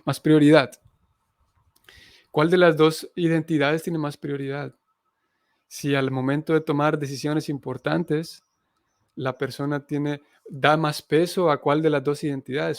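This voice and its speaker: In a clean studio recording without echo, a Honduran Hare Krishna missionary teacher lectures on spirituality, reading scripture and reflecting on it. He speaks at a normal speed in a higher voice with fairly even intonation.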